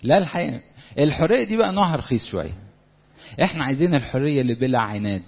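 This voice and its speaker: A man's voice: mid-range voice, slightly rough. A man with an Egyptian Arabic accent preaching a sermon to young people, talking conversationally and acting out little dialogues. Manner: lively, conversational, acts out quotes. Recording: lo-fi recording in a reverberant hall.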